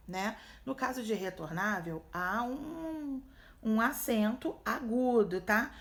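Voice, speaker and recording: A woman schoolteacher with a Brazilian accent patiently walks young pupils through workbook exercises, checking in often. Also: mid-range voice. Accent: Brazilian Portuguese. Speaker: primary school teacher. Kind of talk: recorded remote lesson walkthrough.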